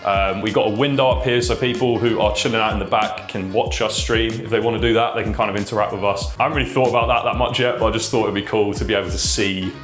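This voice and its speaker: A man's voice: fairly low pitch, fairly even intonation, fast, hardly any pauses, a bit bright. A man narrating a casual video tour to camera in an informal, explaining way, his voice echoing in a bare indoor room. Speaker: vlogger and shop owner. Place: empty stripped room indoors. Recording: echoey bare room, music behind.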